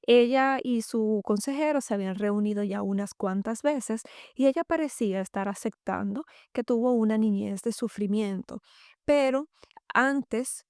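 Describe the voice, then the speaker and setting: Woman host, faith podcast, reads a book passage aloud and comments on it, measured and reflective, warm dark tone, dry close sound. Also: mid-range voice, clean tone, no room sound.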